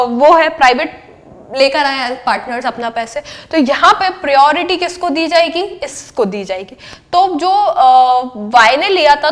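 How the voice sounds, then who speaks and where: A woman's voice: sits high, a bit bright. A young woman lecturing on accountancy, mixing English terms into her Hindi and asking her class questions that she answers herself. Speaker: accountancy teacher.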